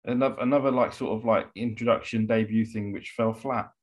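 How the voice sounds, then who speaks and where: A man's voice: on the low side, steady tone, fairly quick. A British man co-hosting a podcast in casual chat, with loose, hesitant phrasing. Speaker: wrestling podcast co-host.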